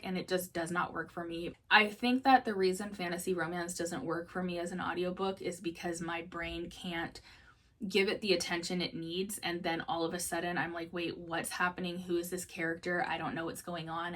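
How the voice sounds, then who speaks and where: A woman's voice: fairly low pitch, a bit bright, far from the mic. A young woman chatting to camera about books, laughing often and acting out her own thoughts. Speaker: book vlogger. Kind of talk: casual chat to camera.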